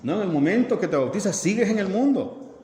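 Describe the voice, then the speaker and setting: Male pastor, higher voice, conversational sermon, reverberant hall with faint hiss. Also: animated, fairly quick, a little mellow. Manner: asks the congregation questions, acts out dialogues. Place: church hall.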